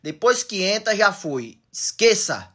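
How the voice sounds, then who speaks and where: Brief: male comedy host, very animated pitch, playful mock-guru teasing of his wife. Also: unhurried. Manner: teasing mock-wise answers to viewer questions. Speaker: comedy couple channel host. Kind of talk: joking couple Q&A.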